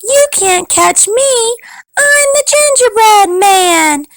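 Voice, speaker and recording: A boastful little gingerbread cowboy, put on by a woman reading a storybook, calls out a sing-song taunt in a very high, bouncy voice. He sounds slow and drawn out, and the sound is dry and close. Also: animated, dry recording, exaggerated voice. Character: cocky gingerbread cowboy boy, boastful runaway cookie. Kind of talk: storybook read-aloud.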